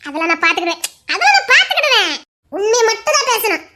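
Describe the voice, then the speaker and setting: A woman's voice: very high voice, expressive, normal speed, pushed and bright, exaggerated voice. A woman playing a giggly teasing young woman. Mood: mock-solemn. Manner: teasing, giggly, mock-solemn. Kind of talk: Tamil audio drama acting.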